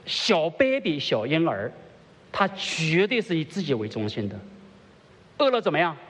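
Animated pastor preaching in a reverberant hall. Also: male voice, on the high side, normal speed, a little hiss or hum. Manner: rhetorical questions to the congregation, swings between soft and emphatic; drops English words into his speech. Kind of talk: sermon. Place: church service before a congregation.

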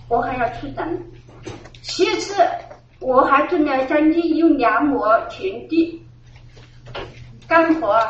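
A middle-aged woman with a high voice gives an earnest church testimony, circling back to the same phrases and laughing now and then. She sounds far from the mic in a roomy space, and the recording is dull and muffled. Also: slight background noise. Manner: earnest, repeats phrases, laughs while telling. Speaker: church member giving testimony. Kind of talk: personal religious testimony. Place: church gathering. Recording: echoey, distant, dull room recording.

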